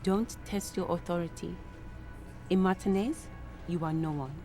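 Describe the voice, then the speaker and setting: A woman's voice: on the low side, music in the background, lightly acted. A woman with a French-sounding accent voicing a stern, guarded female legal counselor for a union in a video game. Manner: cool, measured, stern.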